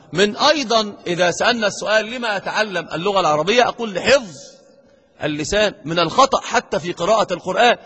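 A man with an Egyptian Arabic accent giving a grammar lecture to a class, quizzing the students with rhetorical questions and slowly stressing the verses he quotes. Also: high voice, bright, forceful tone, breathy edge, long reverb tail. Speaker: Islamic scholar teaching grammar.

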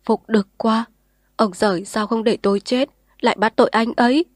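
A woman's voice: fairly high pitch, fairly even intonation, normal speed, no room sound, clean studio sound, natural voice. A woman voicing a frail, paralyzed old man who speaks faintly through tears. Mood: weeping. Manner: faint, weeping. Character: frail old bedridden man, grateful, weeping.

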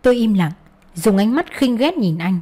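A woman's voice: fairly high pitch, sing-song, normal speed, warm tone. A woman narrating a first-person audio story in a wounded, bitter tone.

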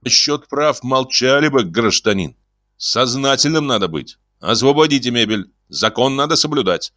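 A man's voice: medium pitch, expressive, moderate pace, bright, forceful tone, dry recording, pitched above the performer's own voice. A man voicing a cool, stern conman who speaks in curt, commanding phrases with dry irony, in an audiobook. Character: cool, stern smooth-talking male conman. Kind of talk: audiobook character voice.

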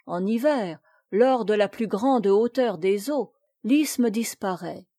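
A woman narrating a classic tale as an audiobook reader, reading in a slow, measured way and voicing the dialogue. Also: medium pitch, lively intonation, mellow, no room sound, studio quality.

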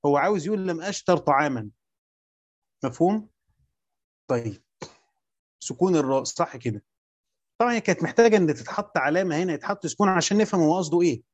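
A man's voice: a little high, animated, quick pace, pauses often, dull audio. A man with an Egyptian accent teaching a lesson on Quran commentary, explaining step by step and quizzing his listeners with repeated questions. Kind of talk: classroom lecture on Quran exegesis.

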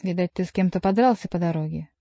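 A woman's voice: fairly low pitch, fast, mellow, no echo. A woman voicing a stern male jester who scolds a monk, reading a storybook aloud. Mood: scolding.

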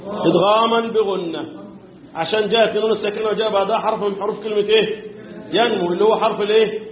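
A man with an Egyptian accent teaching a tajweed lesson, quizzing his students and answering his own questions, chanting verses now and then and often clearing his throat. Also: high-pitched, flat delivery, racing, crowd noise. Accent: Egyptian Arabic. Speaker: Quran recitation teacher. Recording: echoey room, tinny phone-like sound.

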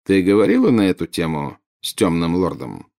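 A calculating male double agent read by a man speaks in a low, silky, unhurried tone. Every reply sounds measured and quietly condescending. This storybook voice stays cool and controlled. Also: wildly swooping pitch, vocal fry, exaggerated voice. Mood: cold, silky.

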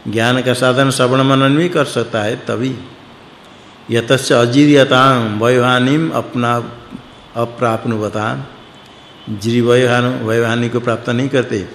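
Slow gravelly man teaching scripture. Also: mid-range voice. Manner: explains word by word, asks the class questions, chuckles often. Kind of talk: scripture commentary lesson. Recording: echoey hall with faint background noise.

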